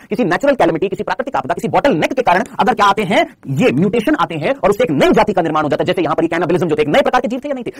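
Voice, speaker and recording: Speaking quickly in a husky, high register with wide pitch movement, a teacher keeps asking his class questions and answering them on his own, repeating himself like a coach. The sound is close-miked and dry, with no echo.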